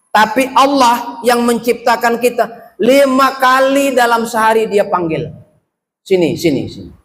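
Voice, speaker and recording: High-voiced Riau Malay preacher. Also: male voice, fairly bright tone. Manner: humorous storytelling, rhetorical questions. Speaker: Islamic preacher. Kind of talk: lively mosque sermon. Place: mosque.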